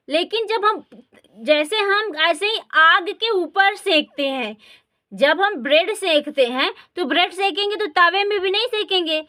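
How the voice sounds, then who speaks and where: A woman's voice: extremely high pitch, sharp tone. A woman with an Indian accent teaching spoken English, a native Hindi speaker who repeats words and keeps asking the listener questions. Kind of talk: classroom-style language lesson.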